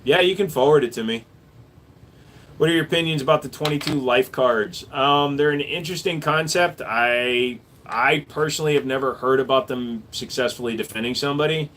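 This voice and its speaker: This is a man who runs a gun shop, chatting through a casual livestream as he reads viewer messages and answers them breezily. His medium-pitched delivery is brisk, and there's a slight hiss or hum in the background.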